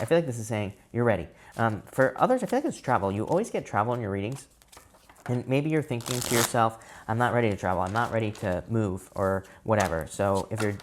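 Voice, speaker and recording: Low-voiced man giving a rambling tarot reading. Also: slight background noise. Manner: casual, rambling, many fillers and hedged restarts. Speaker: tarot reader.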